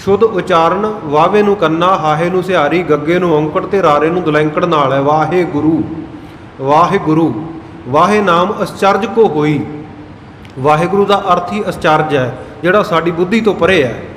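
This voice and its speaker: A man giving a sermon on scripture pronunciation, who chants lines slowly and then explains them. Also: fairly high pitch, a bit bright. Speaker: Sikh preacher (giani). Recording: echoey hall with faint noise.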